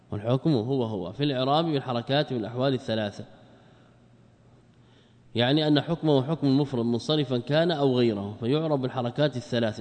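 A man at a mid-range pitch teaches a classical grammar text phrase by phrase. He repeats key words and poses rhetorical questions before he answers them. His voice carries a long, hall-like reverb. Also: a little mellow. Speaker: Islamic scholar teaching Arabic grammar.

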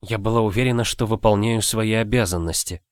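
A man voicing a stubborn, indignant young noble wife in an audiobook, speaking high and insistently. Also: a little fast, clear, resonant tone, no echo, natural voice. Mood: hurt.

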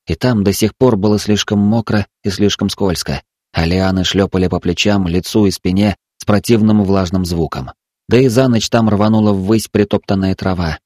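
Male narrator with a low voice, dry close recording, measured dramatic reading. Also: a little mellow, no echo. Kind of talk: storytelling narration.

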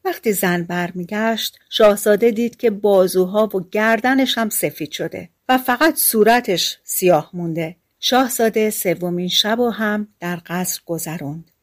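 Woman narrating a fairy tale audiobook. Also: medium pitch.

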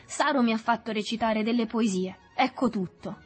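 A woman's voice: a little high, moderate pace, slightly rough, soft background music, pitched above the performer's own voice. A woman voicing a bewildered thirteen-year-old boy. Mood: indignant. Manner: protesting, bewildered.

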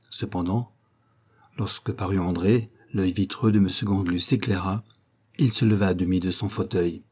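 A man reading audiobook narration in a measured, even way. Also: lowish voice, husky.

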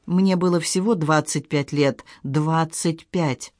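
A man's voice: fairly high pitch, fairly even intonation, slow, dry recording, clean studio sound. A man voicing a tearful, guilt-ridden young woman confessing in an audiobook. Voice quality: pleading, sobbing delivery.

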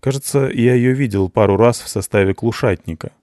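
A man narrating an audiobook in the first person, in an even, detached tone. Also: mid-range voice, fairly quick, no room sound, clean studio sound.

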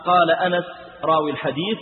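A high-pitched male preacher delivers a dramatic sermon, his voice rising for cries and sliding into chanted verses. The sound is thin and phone-like, carried by long hall reverb. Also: fairly even intonation, quick pace, slight background noise. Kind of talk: sermon storytelling.

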